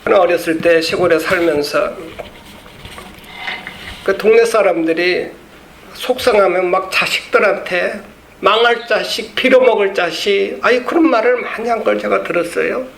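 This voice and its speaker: A man's voice: high-pitched, normal speed, vocal fry. A male pastor preaching an emphatic sermon and leading the congregation in reading aloud, in a church. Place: church sanctuary. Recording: echoey church room, faint background noise.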